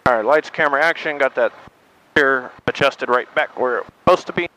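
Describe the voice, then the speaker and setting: A man's voice: medium pitch, brisk, bright, forceful tone, low-quality recording. A man piloting a small plane, making air traffic control radio calls and talking casually to himself. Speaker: pilot narrating his solo flight. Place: inside a small airplane. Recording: faint cockpit engine noise.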